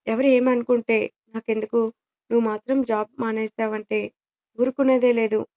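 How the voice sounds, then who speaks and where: A woman's voice: fairly high pitch, little pitch movement, normal speed, lightly acted. Woman reading as a teasing, bossy young man. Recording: dull lo-fi audio.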